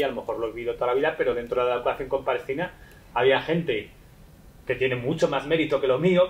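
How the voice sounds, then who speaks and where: Man explaining in halting bursts. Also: mid-range voice, poor audio. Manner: hesitant, many fillers and restarts. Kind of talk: conversational explanation.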